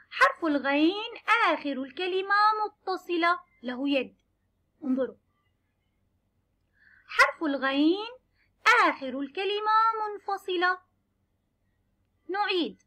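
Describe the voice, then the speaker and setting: A woman teaching young children, sounding out letters and words slowly and clearly. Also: very high voice, pushed and bright. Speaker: kindergarten teacher. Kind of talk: children's lesson.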